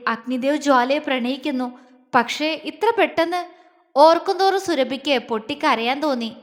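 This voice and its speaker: A woman with a high voice narrates a story in a steady, expressive way. The recording has a long reverb, as if in an echoey room.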